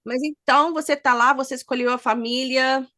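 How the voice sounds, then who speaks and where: A woman's voice: high voice, brisk. A woman, co-hosting a podcast in casual chat, giving advice and steering the topics. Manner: lively, gives advice and leads topics. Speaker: podcast co-host.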